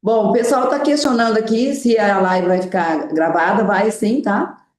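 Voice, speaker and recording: A woman's voice: medium pitch, normal speed, darkish tone. A woman from the Araguaia region of Brazil moderating a live stream, chatty and fond of homely comparisons. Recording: echoey online call.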